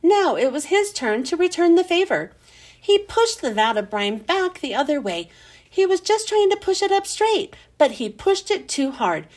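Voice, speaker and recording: A woman reading a children's chapter book aloud with expressive, animated storytelling. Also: extremely high pitch, moderate pace.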